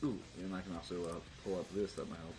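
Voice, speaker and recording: Over music, a man with a deep voice talks fast with fairly even intonation. He's the game master of a tabletop role-playing game, narrating a live stream in a joking, casual way and swearing freely. The recording carries clear background noise and the clicking of a keyboard and mouse.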